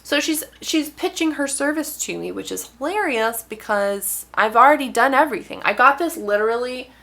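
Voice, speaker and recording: A young woman vlogging about her writing life with a bright, sharp edge and gravelly fry in her voice. She sounds wry and exasperated and leans hard on words for emphasis. Her voice sits a little high. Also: animated, moderate pace. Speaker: author. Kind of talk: casual vlog talk to camera.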